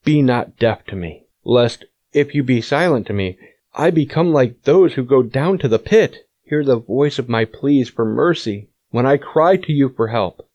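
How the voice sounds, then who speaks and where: Man, scripture reading, measured solemn delivery, dry close sound. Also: mid-range voice, animated, a little mellow, no echo. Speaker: scripture reader. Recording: dull lo-fi audio.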